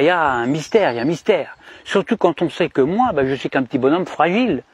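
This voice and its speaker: A man from DR Congo playing a smug, cunning shepherd in a mock-cheerful satirical monologue with sly, emphatic pitch swings. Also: husky. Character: cunning, smug male shepherd boasting of control.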